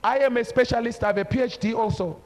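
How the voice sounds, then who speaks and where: A Zimbabwean-accented preacher and church overseer in his forties delivers a sermon that switches between English and another language, speaking emphatically and repeating short phrases. His voice is very high with fairly even intonation and a quick pace. He uses a handheld microphone in a large church hall before a congregation.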